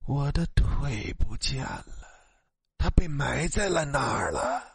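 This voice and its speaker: A man doing a slow, mournful legless ghost. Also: medium pitch, animated, vocal fry, slightly rough, no echo, clean studio sound, full character voice. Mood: eerie. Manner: slow, soft and drawn out.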